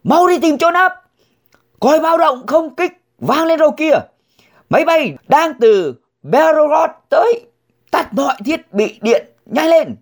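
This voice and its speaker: A man reading a news story aloud, voicing a frantic husband who shouts a warning to his family to hide. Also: very high voice, lively intonation, unhurried, voice pushed up, exaggerated voice. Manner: urgent yelling.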